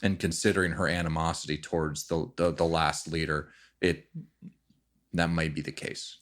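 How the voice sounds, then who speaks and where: A man narrating and explaining a tabletop role-playing game as game master, often halting as he works out what to say. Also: extremely low pitch, flat delivery.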